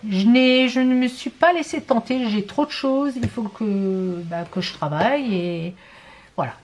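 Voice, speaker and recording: A woman's voice: a little high, measured pace, darkish tone. A middle-aged woman, chatting casually to viewers about her shopping with many hesitations and fillers. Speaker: vlogger showing shopping purchases.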